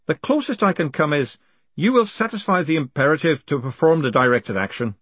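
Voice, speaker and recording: A man doing a brisk, dry-witted woman. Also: fairly high pitch, lively intonation, a bit bright, husky, no room sound, voice pushed up.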